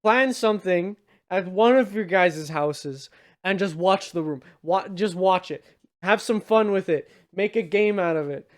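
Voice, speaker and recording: A podcast host, tipsy from drinking on the show, bantered casually and emphatically about movies, swearing now and then. His voice is high and a little slow.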